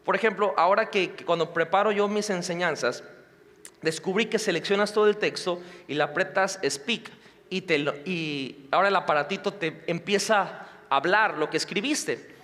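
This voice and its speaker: A male pastor preaching with a high voice and dramatic swings between loud passages and hushed ones. The sermon rings out in a church hall, and a long reverb trails after every phrase. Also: moderate pace.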